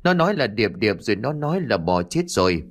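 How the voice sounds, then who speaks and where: A man's voice: big pitch swings, brisk. A man voicing a stubborn, grieving young village girl, with a pleading, raised voice. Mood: distraught. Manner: pleading, tearful, raised high voice.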